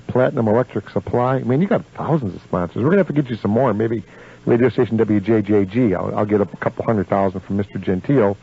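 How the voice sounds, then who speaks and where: On a dull, lo-fi AM recording, a man hosts a live local radio show, talking fast in a lowish, gravelly, slightly rough voice. He chats along with gushing exclamations of praise.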